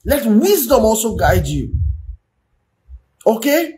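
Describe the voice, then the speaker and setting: A man's voice: high-pitched, very animated, slow, darkish tone. A man giving marriage advice on a livestream as a relationship coach. He preaches and keeps repeating phrases and checking in with his listeners. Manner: preachy, repeats phrases, asks "do you understand?".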